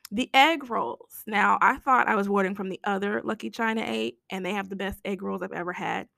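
An American woman hosting a casual solo podcast rant, hoarse with her voice nearly gone, raspy and whispery, speaking bluntly. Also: mid-range voice, fairly bright tone, no room sound. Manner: blunt, complaining, mildly sweary. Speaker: podcast host.

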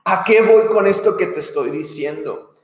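Slow preachy guy, kinda high voice, says stuff twice for emphasis, big church reverb. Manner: earnest, repeats key phrases for emphasis. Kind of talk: sermon. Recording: echoey hall with long reverb.

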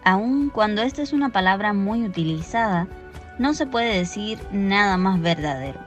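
A woman reading a scripted Gospel reflection in a calm, measured way, on a dull lo-fi recording. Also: medium pitch, faint music behind. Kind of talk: scripted devotional narration.

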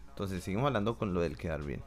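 A man hosts a podcast, talking in loose, crude, teasing banter. His voice sits a little low. Soft music plays faintly underneath. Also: lively intonation, fast. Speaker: podcast host. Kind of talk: casual chat.

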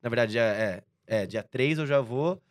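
A young man from Brazil, a podcast guest in casual chat, talking in a rapid, slangy way with lots of fillers. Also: medium pitch, dry recording, studio quality. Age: young adult.

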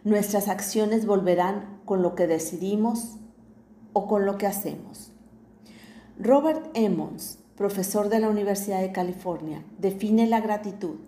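A woman narrates an inspirational reflection slowly and deliberately, pausing between phrases. Her voice is mellow and warm, at a middle pitch. The recording has a noticeable roomy echo. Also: a little hiss or hum. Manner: measured, deliberate reading with pauses between phrases.

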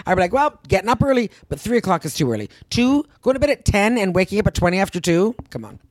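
Rambling, animated middle-aged woman. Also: medium pitch, quick pace, no echo. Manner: rambling, animated storytelling, acts out her own thoughts, swears casually. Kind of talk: casual chat.

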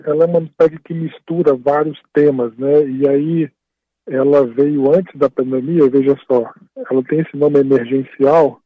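A man speaking by phone as a radio interview guest, explaining at a steady pace and often tagging his phrases with a questioning "right?". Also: medium pitch, dry recording. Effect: heard over a phone line. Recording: tinny dry phone line.

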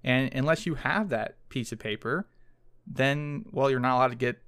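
In a casual academic conversation, a man with a smooth, resonant, slightly bright voice of medium pitch talks at a moderate pace. He reasons carefully and hedges often, and his sound is close and dry with no echo.

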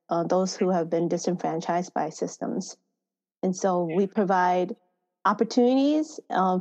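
Interview guest: woman, mid-pitched, relaxed and laughing, slightly lo-fi recording. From Thailand. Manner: laughs often, relaxed storytelling with fillers. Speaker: farmer education manager. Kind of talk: casual interview conversation. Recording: slightly dull lo-fi sound.

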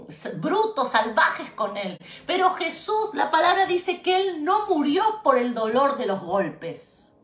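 Woman pastor, high voice, slow deliberate sermon delivery, echoey hall. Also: fairly bright tone. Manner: emphatic preaching with repeated phrases and direct address.

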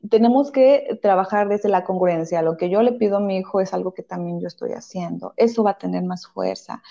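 A woman's voice: mid-range voice, warm tone. A woman, a parenting professional and mother, explaining patiently and often checking in with "¿sí?". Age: adult, parent of a young child. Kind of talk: conversational advice talk. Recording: slightly dull lo-fi audio.

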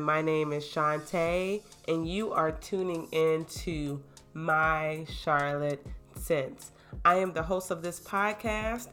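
A young woman hosting her own podcast, talking casually in an animated, hype-building way into a new microphone. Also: lowish voice. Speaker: podcast host. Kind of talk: casual solo podcast talk.

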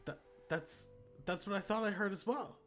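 A man who plays in a role-play podcast, giving earnest, halting closing thanks. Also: high-pitched, a bit bright, faint music behind. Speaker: podcast player. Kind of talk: heartfelt closing remarks.

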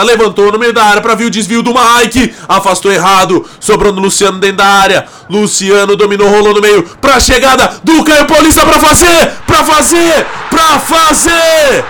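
A man with a Brazilian accent giving explosive football goal commentary, with shouted, drawn-out calls and repeated phrases. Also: high voice, a little hiss or hum.

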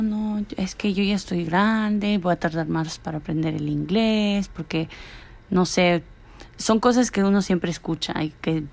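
A young woman sharing her thoughts in an unhurried, casual way, often pausing and restarting. Her voice sits low with a gravelly fry. It sounds like a relaxed podcast reflection. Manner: hesitant, many fillers and restarts. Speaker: student podcaster. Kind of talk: casual spoken reflection on an article.

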